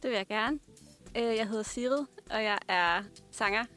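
A woman from Denmark, a guest singer, songwriter and pianist, answers interview questions casually and reflectively, feeling her way through her sentences. Her voice is a little high and a bit bright, with faint music behind her.

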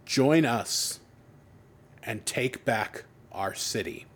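A man voicing a shadowy masked male rebel leader speaking through a distorted broadcast, slow and commanding. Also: medium pitch, lively intonation, fairly bright tone, breathy edge, heavily acted. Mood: defiant. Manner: slow, grand, commanding speech.

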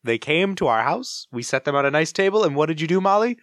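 A man's voice: on the high side, expressive, quick pace, a bit bright, dry recording, studio quality. A young man co-hosting a podcast with bantering comic chat and a mock-grandiose, theatrical manner. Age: young adult. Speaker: podcast co-host.

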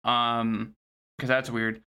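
A man talks casually as a podcast host, retelling a story with sardonic complaints and swearing. His mid-pitched voice is bright and forceful. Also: flat delivery, slow pace, creaky, clean tone. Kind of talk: casual recap chat.

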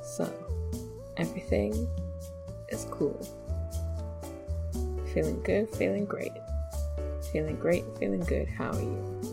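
A woman's voice: slow pace, vocal fry, pauses often, music in the background. Woman with a glitchy, robotic call voice. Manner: playful, swears casually. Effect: glitchy robotic call distortion with jumping pitch. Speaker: book-club podcast co-host. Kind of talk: casual chat. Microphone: online voice call.

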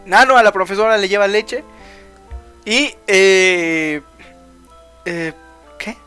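A man's voice: high-pitched, takes it slowly, pushed and bright, clean tone, faint music behind. A man, co-hosting a podcast and loosely retelling an anime episode, full of fillers and "que no sé qué". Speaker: podcast co-host. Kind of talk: casual chat recapping an anime episode.

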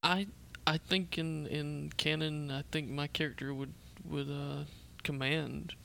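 A man's voice: fairly high pitch, level tone, unhurried, creaky, pushed and bright, slight background noise. A man playing a tabletop role-playing game, chatting casually about his character.

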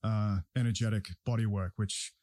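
A man's voice: lowish voice, little pitch movement, normal speed, a little mellow, no echo. A man hosting a podcast, talking casually in a blunt, opinionated way. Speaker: podcast host and breathwork practitioner. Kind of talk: casual conversational talk.

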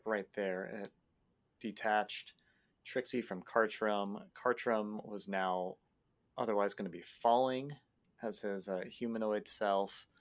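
Give me a man with a lowish voice, talking slowly, recounting a tabletop game as a player. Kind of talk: casual storytelling recap.

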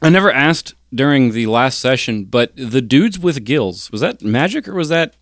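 A man's voice: medium pitch, expressive, moderate pace, fairly bright tone, no room sound, studio quality. A man playing a tabletop game, chatting casually as a player. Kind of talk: casual joking table talk.

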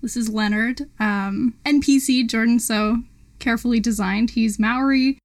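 A woman running a tabletop game, her narration relaxed and conversational. Her voice sits slightly high. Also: moderate pace. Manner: casual, laughs often. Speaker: game master.

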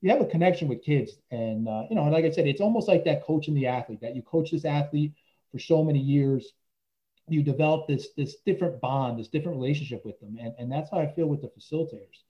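Heard through a dull, lo-fi recording, a man who teaches for a living spins stories in a relaxed interview. His slightly high voice moves quickly, wandering with frequent "you know"s and restarts.

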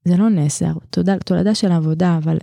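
A middle-aged woman teacher telling a classroom story in conversation, earnest and thoughtful, often restarting her sentences and laughing softly. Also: fairly low pitch, creaky, no room sound, clean studio sound. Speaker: teacher, podcast guest.

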